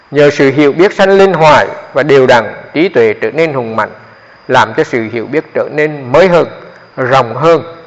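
A male monk explains meditation to his students in a loose, talky way, circling back and repeating words as he goes. His voice sits at a middling pitch and carries a long echo from the hall, captured on a dull, lo-fi recording. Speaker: Buddhist monk teaching meditation. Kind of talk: dharma talk to meditators. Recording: echoey hall, dull lo-fi sound.

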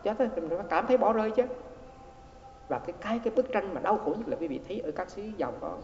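A man's voice: high voice, expressive, fast talker, a little mellow, slight background noise. A man, a Buddhist monk, giving a dharma talk as he tells a story, repeating words and acting out the quoted exchanges. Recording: echoey hall, dull lo-fi sound.

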